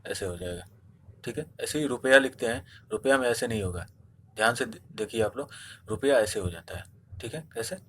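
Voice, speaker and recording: A man's voice: medium pitch, lively intonation, fairly quick, slight background noise. A man teaching a spelling lesson for exam preparation, explaining step by step and answering his own questions. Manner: repeats "theek hai" often. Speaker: Hindi teacher. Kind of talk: online exam-prep lesson.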